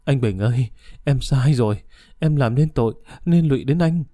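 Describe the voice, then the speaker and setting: A man's voice: medium pitch, lively intonation, normal speed, warm tone, no echo, studio quality, natural voice. A male narrator voicing a remorseful executive who begs forgiveness. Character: remorseful executive kneeling in shame.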